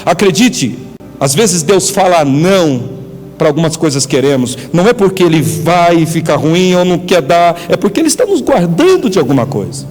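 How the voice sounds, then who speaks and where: A male pastor with a Brazilian Portuguese accent, preaching an animated sermon and calling on the congregation to respond. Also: fairly high pitch, normal speed. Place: church. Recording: church hall reverb, faint music.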